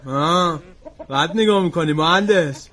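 A man's voice: fairly high pitch, sharp tone. An actor playing a hot-headed henchman who blusters and threatens. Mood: blustering.

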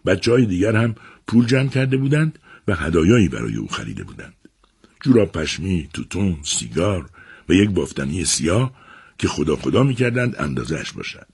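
A man narrating a serialized novel adaptation on a radio book program, with measured, expressive storytelling. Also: deep voice, vocal fry, breathy edge.

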